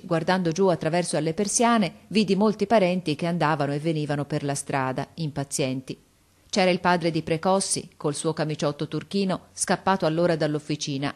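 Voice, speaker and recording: A woman reading a story aloud as audiobook narrator, expressive, lifting her voice for emphasis and dropping it for quieter passages. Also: lowish voice.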